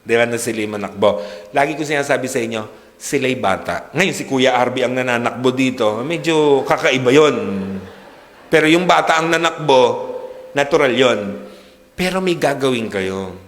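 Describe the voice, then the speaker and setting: A man's voice: mid-range voice, normal speed, big-room sound. A male pastor giving a sermon, talking to the congregation in a chatty way, full of rhetorical questions and switching between English and Tagalog. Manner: conversational preaching, constant rhetorical "di ba?", mixes English and Tagalog. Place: church worship hall.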